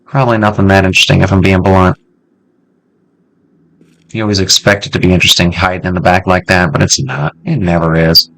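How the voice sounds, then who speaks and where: A man hosting a casual let's-play, chatting to himself in an excitable way and swearing freely as he loots. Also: deep voice, a little fast, long pauses, slight background noise. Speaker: gameplay video host.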